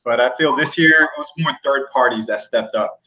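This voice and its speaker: A man's voice: mid-range voice, normal speed, pushed and bright. Blunt laughing man on dull laptop mic. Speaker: podcast co-host. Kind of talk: casual livestream chat.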